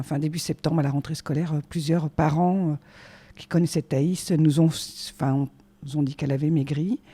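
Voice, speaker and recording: A woman in her forties, a guest on her son's show, talking casually and hesitantly with many filler pauses. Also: sits low, mellow. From France. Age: 40s. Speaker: guest, the host's mother. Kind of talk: casual conversation.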